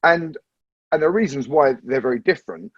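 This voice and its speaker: A man talks through ideas on a podcast and keeps returning to restate his point. His voice has a husky grain. The audio is dry and a little dull, like a lo-fi recording. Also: on the high side, animated, a little fast, no room sound. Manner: thoughtful, circles back to restate points. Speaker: podcast panelist. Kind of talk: casual podcast discussion.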